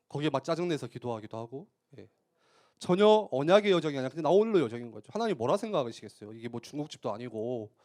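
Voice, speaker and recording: A man preaching a youth sermon in church, conversational, tossing out rhetorical questions and punctuating with quick affirmations. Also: medium pitch, a little mellow. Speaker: youth pastor.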